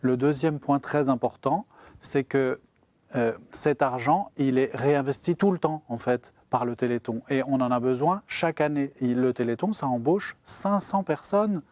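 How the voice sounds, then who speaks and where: A man's voice: medium pitch, moderate pace, darkish tone, no room sound. A man, a guest expert, explaining science simply on a broadcast show, step by step in plain words, as if to a child.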